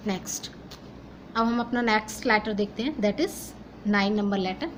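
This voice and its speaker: A woman's voice: mid-range voice, moderate pace, a little hiss or hum, poor audio. A young woman with an Indian English accent, teaching phonetics step by step, asking and answering her own questions and mixing Hindi and English. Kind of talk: phonetics lesson.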